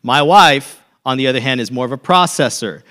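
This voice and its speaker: A man's voice: medium pitch, animated, a little fast, fairly bright tone. A man in his thirties preaching a sermon as a pastor, telling a personal story in a conversational way and checking in with "okay?" often.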